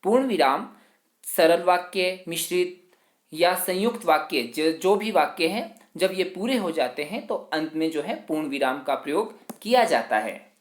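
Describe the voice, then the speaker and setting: A man teaching a grammar lesson to students. He explains slowly, works through example after example, and keeps leaning on the same filler phrase. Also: sits high, animated, roomy sound. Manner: slow, explanatory, leans on the filler "jo hai".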